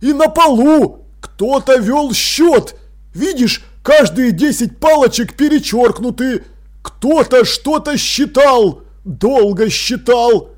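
A man voicing an excitable, bossy old mummy king who talks in loud, eager exclamations, in an audiobook. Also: very high voice, slow, pitched above the performer's own voice, full character voice. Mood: excited.

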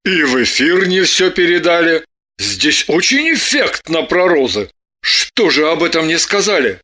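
A man's voice: fairly high pitch, very animated, a little slow, bright, forceful tone, heavily acted. A man voicing a bewildered middle-aged husband who keeps defending himself with indignant, theatrical protests. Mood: baffled.

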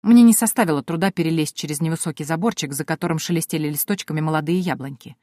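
A woman reads a first-person story as an audiobook, with a lively, expressive delivery. Her voice sits a little low. The sound is dry and close to the mic. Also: quick pace, no room sound. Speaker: audiobook narrator.

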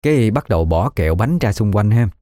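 Warm-voiced male storyteller. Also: lowish voice, expressive, brisk, dry recording. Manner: folksy, colloquial storytelling. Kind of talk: first-person ghost story narration.

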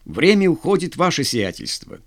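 A man's voice: on the high side, huge pitch swings, moderate pace, fairly bright tone, no room sound, voice pushed up, exaggerated voice. A nervous, impatient army colonel, voiced by a male narrator, sighing and fretting between urgent orders. The reading is dry and close, like a storybook read aloud.

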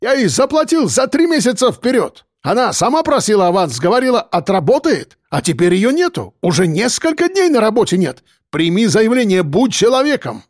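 A man voicing a hot-tempered middle-aged male cafe owner, loud and pleading. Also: high-pitched, big pitch swings, moderate pace, few pauses, no room sound, clean studio sound, pitched above the performer's own voice. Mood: insistent.

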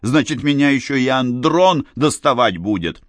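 A man's voice: medium pitch, animated, moderate pace, a bit bright, dry recording, studio quality, pitched above the performer's own voice, lightly acted. A man doing a whiny, hungover drunk. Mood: groaning. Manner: moaning, complaining. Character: hungover male small-time drunk, whiny. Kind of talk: audiobook character voice.

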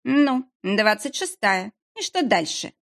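Reading an audiobook, a woman voices a coarse, hostile woman of around forty who sneers and stretches out her words in a snarl. Her own voice is slightly high, highly animated, and pushed upward.

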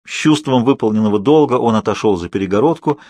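A man's voice: lowish voice, animated, quick pace, warm tone, no echo. Male audiobook narrator, dry close sound.

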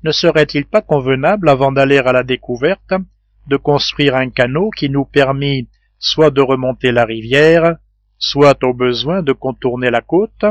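A man's voice: medium pitch, normal speed, no room sound, natural voice. Man narrating as a confident hearty sailor, boastful, eager to persuade, storybook reading, dry and slightly dull recording. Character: bold hearty male sailor, sure of himself.

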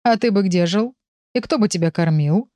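A woman's voice: mid-range voice, normal speed, warm tone, no echo, lightly acted. A woman doing a mocking, grumpy male pet. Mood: scolding. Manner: mocking, scolding. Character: grumpy, sensible male pet animal, lecturing.

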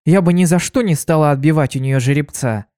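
Brief: a man doing a sly blue pony mare, bubbly and teasing, pitched high, dry close sound. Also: brisk, mellow, clear, resonant tone, no room sound, lightly acted. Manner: bubbly, teasing, turns menacing. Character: cheerful sly blue female pony, fiercely protective.

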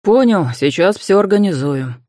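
A woman's voice: medium pitch, expressive, normal speed, mellow, dry recording, studio quality, close to an everyday voice. A woman voicing a grumpy male office colleague who speaks in a curt, exasperated way.

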